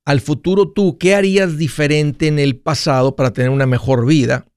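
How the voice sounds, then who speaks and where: A man's voice: a little high, fairly even intonation, normal speed, darkish tone, smooth, no echo, clean studio sound. A man hosting a casual monologue, playful and jokey, often restarting mid-phrase. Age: 40s. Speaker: radio finance host.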